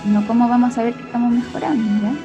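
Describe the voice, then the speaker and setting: A woman's voice: on the high side, flat delivery, fast talker. A young woman with a Chilean accent, a speech therapist giving a conversational lesson who keeps checking in with her listeners. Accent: Chilean Spanish. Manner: conversational, often tags sentences with a questioning "ya?" or "cierto?". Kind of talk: explanatory lesson. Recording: dull lo-fi recording with faint music.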